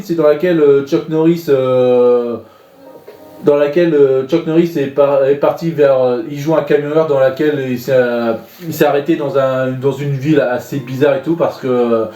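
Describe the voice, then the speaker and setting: Guy rambling about movies, lots of euh and restarts, mellow voice, echoey room. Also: medium pitch. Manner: rambling, many fillers and restarts. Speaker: DVD collection vlogger. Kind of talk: casual spoken film reviews.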